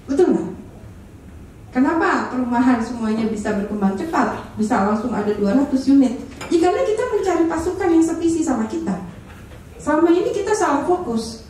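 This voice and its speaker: Lady teaching public speaking, high voice, keeps asking the room if they agree, sounds far off in a big echoey space. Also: a little fast, slight background noise. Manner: energetic, asks the audience for agreement again and again. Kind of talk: live training session. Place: training room with an audience.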